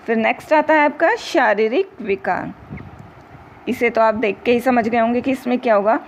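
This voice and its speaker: A woman teacher giving a recorded lecture to teacher trainees, explaining step by step and often checking in with her listeners. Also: on the high side. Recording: dull lo-fi recording with faint noise.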